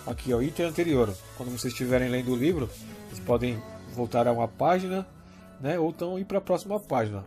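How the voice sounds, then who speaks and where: A man's voice: mid-range voice, lively intonation, quick pace, mellow, soft background music. A Brazilian man demonstrating a phone app step by step, in a casual way with frequent "tá?" and "né?" check-ins. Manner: explains step by step, often checking in with "tá?" and "né?". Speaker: app tutorial presenter.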